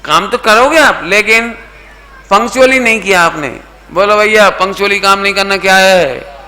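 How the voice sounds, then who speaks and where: A middle-aged man giving a sermon to a youth camp, asking his listeners questions, mixing in English words, and now and then slowly singing a line of verse. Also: high voice, bright, forceful tone. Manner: asks the audience questions and coaxes answers; sings verse lines slowly. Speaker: Jain preacher.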